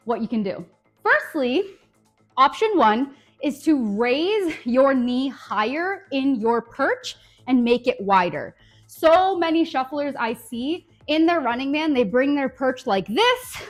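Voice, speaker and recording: A woman teaching a dance tutorial in an upbeat coaching manner, counting beats aloud. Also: sits high. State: out of breath at times. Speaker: dance instructor.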